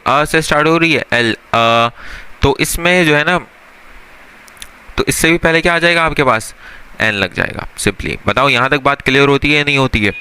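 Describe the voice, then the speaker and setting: Bright, clear-voiced Hindi grammar teacher man. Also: a little high. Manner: asks the class questions and answers them himself, calls students "beta" and "bhai". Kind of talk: classroom-style grammar lesson.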